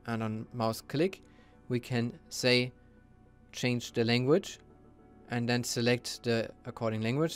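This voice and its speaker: A man narrating a screen-recorded software tutorial, walking through the steps in a steady, explanatory way. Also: medium pitch.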